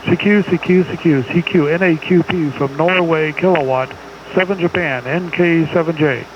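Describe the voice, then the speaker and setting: Dull audio captures a middle-aged man on the high side of pitch, speaking at a moderate pace as he rattles through clipped amateur radio contest exchanges and phonetic spellings. He's in a small home radio room indoors, with clear background noise.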